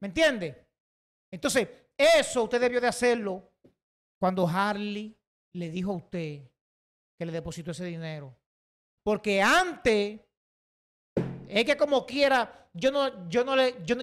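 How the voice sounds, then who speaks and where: A man's voice: sits high, a little slow, long pauses, fairly bright tone. A man with a Dominican accent giving heated, emphatic opinion commentary, often repeating himself. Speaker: online commentator.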